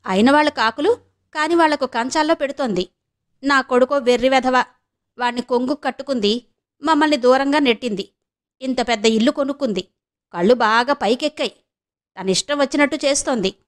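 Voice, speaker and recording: A woman voicing a spiteful old mother-in-law who scolds and complains loudly in a harsh manner. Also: sits high, a little fast, pauses often, close to an everyday voice. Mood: bitter ranting. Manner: harsh, shouting, bitter.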